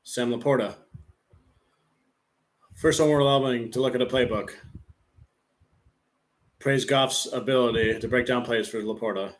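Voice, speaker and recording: A man live streaming a football game, rambling casually with lots of "like" fillers and relaxed play-by-play. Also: medium pitch, normal speed, pauses often. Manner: rambling, heavy use of "like" fillers.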